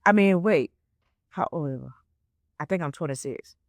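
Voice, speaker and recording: A deep-voiced woman in her twenties speaks a little slowly on her solo motivational podcast, where she works as a life coach. Her style is casual, sprinkled with "right?" and "okay?", and she repeats herself to make points stick. Studio quality, no echo.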